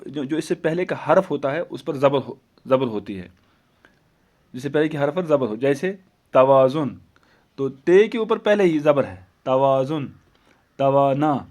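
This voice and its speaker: Slow, deliberate teacher, man. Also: fairly high pitch. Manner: slow, deliberate, repeats example words. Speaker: Urdu teacher. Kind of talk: classroom grammar lesson.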